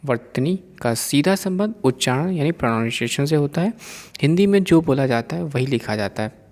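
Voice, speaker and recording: A man's voice: fairly high pitch, lively intonation, moderate pace, darkish tone, long reverb tail. A man teaching an exam-prep lesson, reading word pairs out one after another.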